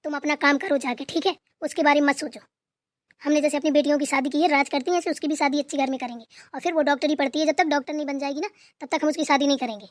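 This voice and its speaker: A woman's voice: sits high, fairly even intonation, rapid-fire, dry recording, lightly acted. A woman voicing a stern, domineering grandmother in a cartoon who scolds and gives orders. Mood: scolding. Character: stern bossy grandmother, head of the house.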